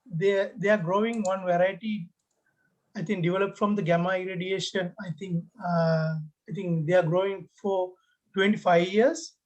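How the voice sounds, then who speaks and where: A man from Sri Lanka asks a question at an online seminar, searching for his words. His voice is high, and the audio sounds slightly dull. He speaks hesitantly. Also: steady tone, normal speed, darkish tone. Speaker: audience questioner.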